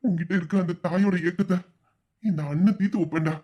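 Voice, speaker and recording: A man voicing a tender, high-voiced elder brother. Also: steady tone, fast talker, dull audio. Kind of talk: emotional audio-drama acting.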